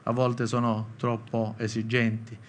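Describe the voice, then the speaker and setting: A man from Italy preaching a sermon, acting out biblical quotes with animated, lively delivery. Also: medium pitch, unhurried, slight background noise.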